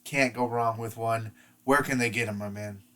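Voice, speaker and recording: A man co-hosting a sports podcast from home, talking over a remote link at a middle pitch. His talk is loose and chatty. He keeps doubling back on his own words before he pushes on. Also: steady tone, normal speed, bright, forceful tone. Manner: rambling, repeats words while restarting sentences. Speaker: podcast co-host. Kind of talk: casual sports podcast chat. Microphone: remote podcast mic over the internet.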